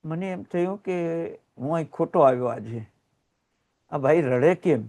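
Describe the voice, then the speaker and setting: A man from Gujarat giving a Jain sermon, telling moving stories with sudden rises in voice and hushed, quiet drops. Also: a little high, expressive, a little slow. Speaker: Jain religious teacher.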